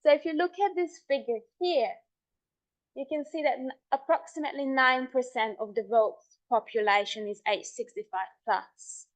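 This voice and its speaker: A middle-aged woman from Hungary giving a measured academic talk on her research, with frequent ums and restarts. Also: high voice. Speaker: researcher presenting her work.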